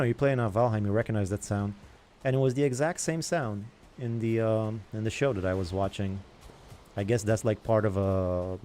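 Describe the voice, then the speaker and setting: A man's voice: lowish voice, warm tone. A young man hosting a gaming channel, rambling in casual chatter as he plays and comments on other games.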